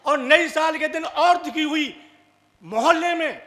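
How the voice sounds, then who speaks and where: Slow-telling comic man in an echoey hall. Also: very high-pitched, bright, forceful tone. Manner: slow, theatrical storytelling. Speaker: comic poet performing on stage. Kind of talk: live stage comedy storytelling.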